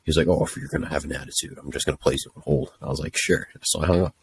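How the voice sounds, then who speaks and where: A man's voice: rumbling low, steady tone, rapid-fire, creaky, a little hiss or hum. A young man telling a story casually, ranting in an exasperated, profane way. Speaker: podcast host telling a story.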